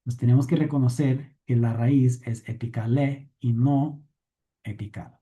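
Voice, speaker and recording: Man giving a patient, mellow grammar lesson. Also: mid-range voice, steady tone, moderate pace. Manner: explains step by step, often checks in with "¿ok?"; thinks aloud with fillers and self-corrections. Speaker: Greek grammar teacher.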